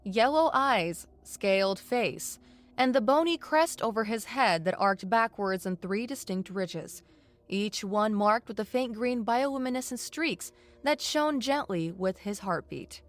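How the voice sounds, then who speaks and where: A woman reading a science fiction story as narrator, in a measured descriptive storytelling manner. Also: medium pitch, lively intonation. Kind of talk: scripted narration.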